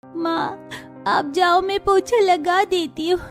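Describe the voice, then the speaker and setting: A woman's voice: extremely high pitch, steady tone, slow, faint music behind. A timid little cartoon girl. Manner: timid, eager to help. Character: little girl, frightened, dutiful.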